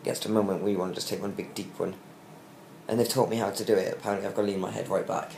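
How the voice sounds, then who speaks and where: A young British man speaks in a low, creaky voice, weak and worn out after surgery. His casual video diary comes out halting and subdued, on short breaths. The room around him sounds echoey. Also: fairly even intonation, darkish tone. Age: young adult. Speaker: vlogger giving a recovery update. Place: small hospital room, lying in bed. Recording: roomy echo with faint background hiss.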